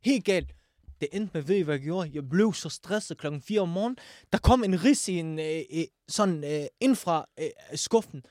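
A young man co-hosting a casual podcast, telling lively stories in slangy talk. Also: on the high side, dry recording, clean studio sound. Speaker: podcast co-host. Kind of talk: casual chat.

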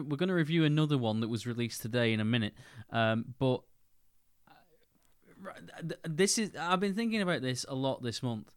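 A man with a smooth, resonant voice talks close and dry as a podcast co-host. He hesitates often, stacking fillers and restarts, and laughs easily. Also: medium pitch, no echo. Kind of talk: casual chat.

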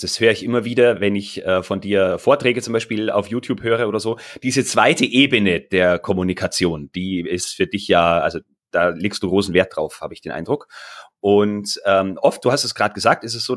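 Low-voiced man asking questions. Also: normal speed. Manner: hesitant questions with fillers. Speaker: interviewer. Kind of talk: conversational interview.

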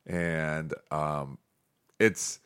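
A man's voice: extremely low pitch, steady tone, drawn-out words, fairly bright tone, clear, resonant tone, no room sound, clean studio sound. A man with an American accent, a football and track coach, chatting casually on a podcast and laughing often.

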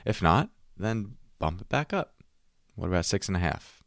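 A man with an exceptionally deep voice, recorded dry with little room sound. He talks like a relaxation coach, calm and conversational. His manner is reflective and gently inviting, guiding the listener through self-inquiry. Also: normal speed, vocal fry, dry recording. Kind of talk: calm, conversational guided self-help talk.

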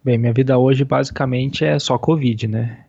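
A man in his thirties, an ICU doctor, explaining things in a measured way during an interview heard over a phone line. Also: mid-range voice, steady tone, vocal fry, warm tone, husky, no room sound. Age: 30s. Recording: dull, muffled phone call audio.

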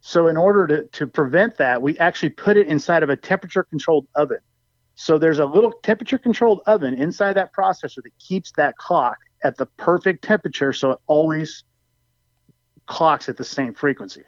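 A man with a slightly high voice comes through a compressed cell phone connection that keeps cutting out. The call sounds dull and lo-fi, yet close and dry. He explains technical details eagerly and leans on everyday comparisons. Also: fairly quick, no room sound. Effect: compressed cell phone line cutting out. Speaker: guest product expert.

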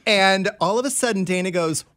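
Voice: medium pitch, brisk, a bit bright. A radio co-host telling a story in casual banter, theatrical and wry.

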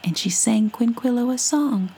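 Softly whispering woman storyteller. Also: a little high, lively intonation, breathy edge. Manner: soft, whispered, unhurried.

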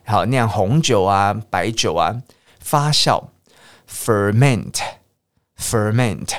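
A man with a Taiwanese Mandarin accent hosting a bilingual English lesson podcast, who repeats words and slows down to drill pronunciation. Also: mid-range voice. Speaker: English teacher and podcast host.

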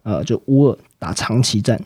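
A man explaining market outlooks in a fast, explanatory way, with frequent fillers and sentence-final particles. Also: medium pitch, lively intonation, warm tone, breathy edge, no room sound, studio quality. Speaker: market analyst guest. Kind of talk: financial commentary chat.

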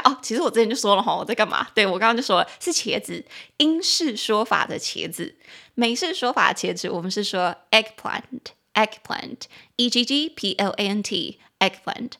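A woman, hosting a casual podcast English lesson in a playful, chatty way, spelling words out and repeating them slowly. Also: mid-range voice, a bit bright. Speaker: English teacher and podcast host.

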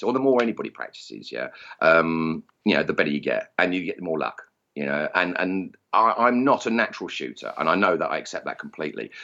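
A man with an Essex accent speaks in a deep register with very lively intonation. He chats casually as a guest, poking fun at himself. The sound is a little dull and lo-fi. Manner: self-deprecating, jokey. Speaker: interview guest, target shooting instructor. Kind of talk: casual chat.

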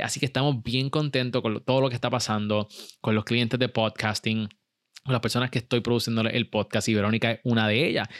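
A man's voice: medium pitch, fairly bright tone, no room sound, clean studio sound. A man hosting and producing a podcast, chatty and upbeat. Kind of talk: casual podcast interview.

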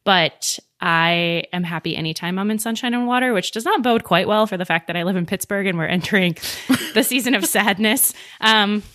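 A woman's voice: medium pitch, normal speed, a bit bright, no echo, studio quality. A young woman chatting enthusiastically as a podcast guest, bubbly and gushing. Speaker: pharmacist guest. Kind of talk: casual podcast chat.

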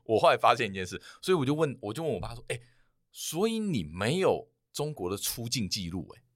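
A man co-hosting a casual podcast chat, animated, laughing and swearing freely. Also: medium pitch, fairly quick, no echo, clean studio sound. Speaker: podcast co-host.

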